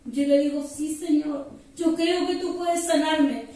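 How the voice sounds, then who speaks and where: A woman preaches with fervor at a house church service. She speaks in a very high voice, picked up from a distance in a strongly echoing room. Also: steady tone, a little slow, warm tone. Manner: fervent, repeatedly addresses listeners as "hermano". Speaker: preacher giving testimony. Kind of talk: sermon testimony. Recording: echoey room, voice from far off.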